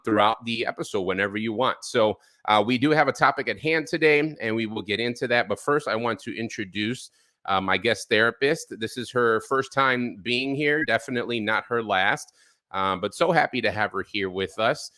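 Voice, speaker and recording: A man with a lowish voice hosts a live-streamed interview show about therapy, recorded dry. As a podcast host, he talks in a loose, relaxed way, full of ums and uhs.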